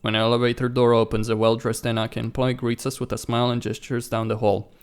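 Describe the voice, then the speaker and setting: A man hosts a let's play, reading a visual novel aloud over game music and reacting informally with some mild swearing as he acts out the dialogue. His voice is medium in pitch and smooth, with a level tone and a quick pace.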